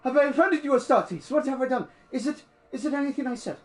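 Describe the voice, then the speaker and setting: A man voicing a groveling, frantic old male peasant, pleading in a high, breathless voice. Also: fast talker, faint music behind.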